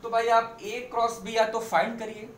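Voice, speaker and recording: A man's voice: very high voice, flat delivery, moderate pace, a bit bright, a little hiss or hum. A man teaching a maths class step by step, repeating key points and mixing English phrases into his explanations. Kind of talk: blackboard maths lesson. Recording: echoey room, mic at a distance.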